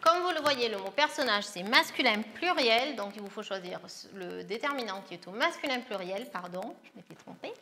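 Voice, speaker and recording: A woman's voice: medium pitch, expressive, a little fast, few pauses, bright, forceful tone, a little hiss or hum. A woman who teaches primary school, patiently walking young pupils through a grammar lesson step by step. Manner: patient, explains step by step, calls pupils "les loulous".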